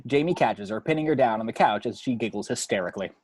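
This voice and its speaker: A man with a mid-pitched, darkish voice and a breathy edge narrates a screenplay's action, reading scene headings and descriptions as scripted narration. He's animated and talks fast, and the sound is close and dry, with no room echo.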